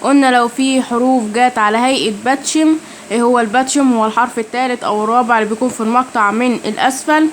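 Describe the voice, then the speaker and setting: A young woman with an Egyptian Arabic accent teaching a pronunciation lesson, repeating each sound slowly and deliberately for her learners. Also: fairly high pitch, steady tone, a little hiss or hum. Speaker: language teacher. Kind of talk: spoken language lesson.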